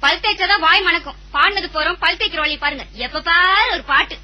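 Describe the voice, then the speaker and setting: A woman playing a sharp-tongued, fed-up housewife who answers her broke husband with sarcastic retorts, in a comedy audio drama. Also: very high-pitched, quick pace, exaggerated voice. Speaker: wife.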